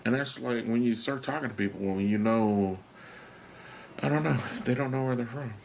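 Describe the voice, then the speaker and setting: A mid-range, creaky voice at normal speed belongs to an American man hosting a rambling solo podcast monologue, with slight background noise. He wonders aloud and questions himself, trailing off, sometimes sinking to a whisper and swearing casually.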